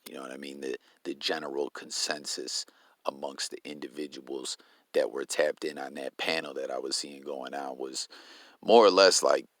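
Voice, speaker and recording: A man's voice: a bass voice, steady tone, moderate pace, fairly bright tone, dry recording. A man hosting a casual commentary vlog, laid-back and slang-heavy, often stumbling over his words. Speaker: commentary channel host.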